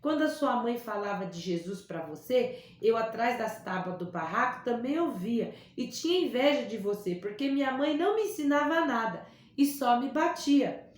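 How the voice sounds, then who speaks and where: A woman's voice: a little high, animated, moderate pace, natural voice. A woman voicing a badly hurt street boy who murmurs weakly and struggles to speak. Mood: confessing. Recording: very echoey room.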